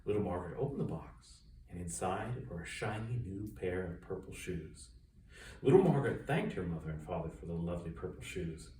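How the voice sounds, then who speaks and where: The recording, taken on a distant mic, carries a roomy echo and faint noise as a man reads aloud a children's storybook he wrote. He speaks a little fast in a low voice, very lively, with dramatic stress and sound-effect words.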